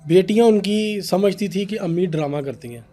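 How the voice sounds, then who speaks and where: A young man, a podcast guest telling an animated story about a paranormal case. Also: high-pitched, moderate pace. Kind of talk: casual storytelling in a podcast interview.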